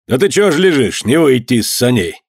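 A man reading a story aloud and voicing a stern, domineering old merchant father who barks gruff, mocking orders, in a dry, close recording. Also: mid-range voice, big pitch swings, brisk, dry recording. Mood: wrathful. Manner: loud, gruff, mocking commands.

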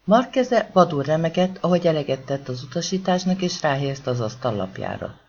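A man narrating a crime novel as an audiobook with an expressive, dramatic reading. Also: on the high side, a little hiss or hum. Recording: dull lo-fi audiobook recording.

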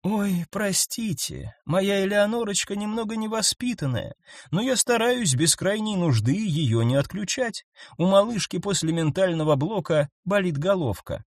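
A man voicing a gentle, timid telepathic alien creature, a young female student who speaks softly and pleadingly. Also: sits high, lively intonation, moderate pace, dry recording, clean studio sound, pitched above the performer's own voice. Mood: apologetic. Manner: soft, pleading, apologetic.

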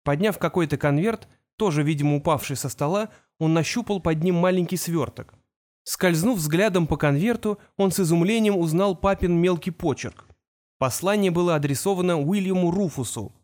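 A man reading a fantasy audiobook in a steady, measured storytelling manner. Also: a little high. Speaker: audiobook narrator. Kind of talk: scripted fantasy narration.

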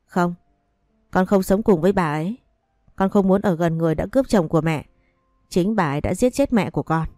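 Woman doing grieving little girl, pleading, tearful, low mellow tone, storybook. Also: a little fast, pauses often, no room sound, clean studio sound, soft background music, close to an everyday voice. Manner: pleading, sobbing. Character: young girl grieving her mother.

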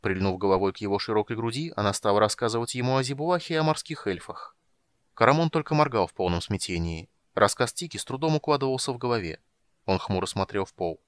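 A man narrating an audiobook in a measured, expressive reading on a close mic. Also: fairly low pitch, smooth, no echo.

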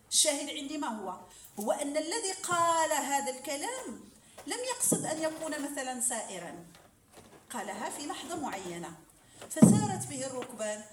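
A woman lecturer teaching a class, explaining with examples and asking rhetorical questions. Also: high voice. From Morocco. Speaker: lecturer in hadith sciences. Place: lecture hall. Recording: roomy hall, voice from far off, faint noise.

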